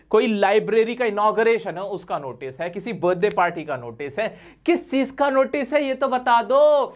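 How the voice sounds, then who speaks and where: A male teacher giving a live exam revision class, talking in a chatty, teasing way and mixing in English terms. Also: high-pitched.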